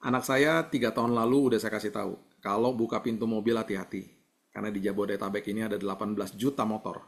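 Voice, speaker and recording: Gentle low-voiced preacher. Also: male voice, fairly even intonation, fast, vocal fry. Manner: gentle conversational preaching, mixes in English words. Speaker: pastor. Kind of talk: sermon. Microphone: video call.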